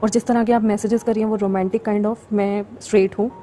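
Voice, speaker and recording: A woman's voice: medium pitch, flat delivery, fairly quick, dark tone, a little hiss or hum. A woman hosting her story channel, talking casually and frankly to viewers and scolding a pushy fan. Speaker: channel host and story narrator. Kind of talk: casual direct address to viewers.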